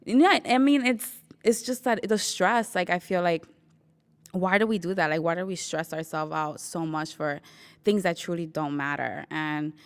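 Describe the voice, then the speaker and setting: A woman's voice: lowish voice, normal speed, smooth. A young woman in her twenties from New York, chatting through a personal story, quoting herself and laughing often. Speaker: interviewee sharing her story.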